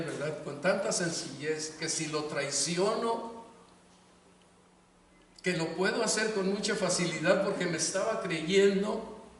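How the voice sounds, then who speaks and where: A man's voice: on the high side, a bit bright, a little hiss or hum. An older man, a grandfather, preaching an earnest sermon, telling stories and making emphatic calls to his congregation. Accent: Mexican Spanish. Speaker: pastor. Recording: echoey hall from far off.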